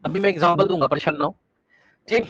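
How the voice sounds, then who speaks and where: A male teacher giving a live online class lecture, energetic, repeating words rapidly to prod his students and coaxing them with questions. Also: sits high, no room sound. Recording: dull, dry online-class audio.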